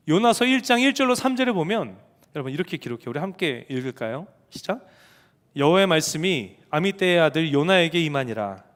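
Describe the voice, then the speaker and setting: Animated male preacher in an echoing hall. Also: high-pitched. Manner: animated storytelling, asks the congregation questions. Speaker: pastor of a young adults ministry. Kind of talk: sermon with a personal story. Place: church sanctuary. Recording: reverberant church hall.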